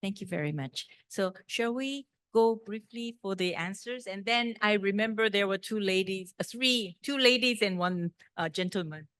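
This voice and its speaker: A woman moderating a conference Q&A, brisk and informal as she picks the next questioner. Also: mid-range voice, a bit bright, clear, resonant tone, no room sound. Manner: brisk, informal, laughs easily. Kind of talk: moderating a panel Q&A.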